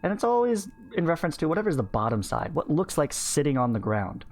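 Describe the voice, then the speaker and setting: A man in his thirties teaches math by reading a textbook aloud into a close studio mic on a stand, adding informal explanations along the way and often checking in with "right?" and "okay". His voice is on the high side, a little mellow, very animated and fast.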